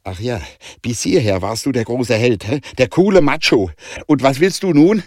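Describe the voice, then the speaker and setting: A man's voice: mid-range voice, moderate pace, a little mellow, no echo, clean studio sound, voice pushed up, close to an everyday voice. A man voicing a desperate young woman in an audiobook, urgent and agitated. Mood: fierce, pleading.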